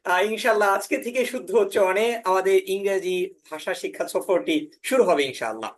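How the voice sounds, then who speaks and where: A woman, speaking at an ordinary middle pitch, leads an online orientation class for a spoken English course. She talks in a measured, explanatory way, pausing with "ah" and sprinkling in "inshallah". She repeats example words slowly to show their sounds. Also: sing-song. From Bangladesh. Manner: often says "inshallah", pauses with "ah" fillers.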